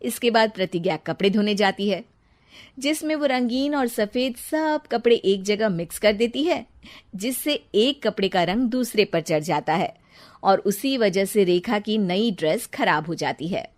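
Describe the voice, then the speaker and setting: A woman's voice: mid-range voice, lively intonation, measured pace. A woman narrating a scripted family story in a storybook style. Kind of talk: scripted storybook narration in Hindi cartoon tale.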